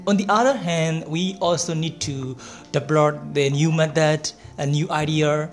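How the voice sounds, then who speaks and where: A young podcast guest speaks English with a Burmese accent at a middling pitch. The delivery is hesitant and halting, with repeated phrases, and music plays faintly behind. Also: fairly even intonation. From Myanmar. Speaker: interview guest, biomedical engineering researcher. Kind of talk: podcast interview answers in non-native English.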